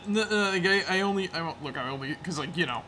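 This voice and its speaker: A man's voice: a little high, quick pace, pushed and bright, slight background noise. A man hosting a game stream, chatting casually with friends, laughing often and rambling.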